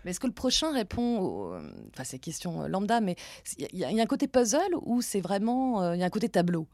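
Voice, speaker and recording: A woman's voice: mid-range voice, very animated, quick pace, mellow, no echo, clean studio sound. A woman interviewer asking casual, curious questions in a conversation.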